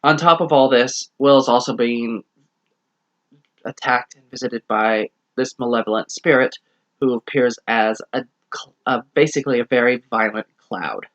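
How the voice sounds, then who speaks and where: A man's voice: medium pitch, unhurried, muffled recording. A man giving a casual book review, rambling through the plot and correcting himself as he goes.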